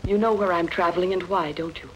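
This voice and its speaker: A woman's voice: fairly low pitch, steady tone, fast, lightly acted, poor audio. A young princess in love, a wistful and dutiful woman acted out for a film dub. She speaks in formal, tender, earnest phrases, with faint noise behind her. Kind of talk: dubbed sword-and-sandal film acting.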